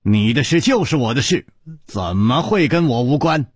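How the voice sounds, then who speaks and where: A male storyteller voicing a suave, calm male hero swordsman who speaks with easy, smiling confidence in a radio story. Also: mid-range voice, moderate pace, breathy edge, no room sound, clean studio sound, voice pushed up. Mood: easygoing. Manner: smiling, easygoing.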